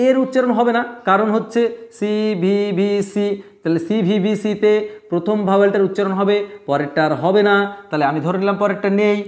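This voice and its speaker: A man teaching English pronunciation rules, repeating each point and answering his own questions. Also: high-pitched. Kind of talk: classroom lesson at a board.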